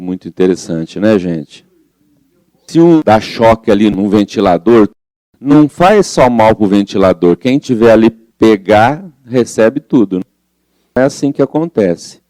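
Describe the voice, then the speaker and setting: A man's voice: fairly low pitch, dark tone, no echo. A man leading a study group, explaining a spiritual book and reading passages aloud in a conversational way that asks the group questions.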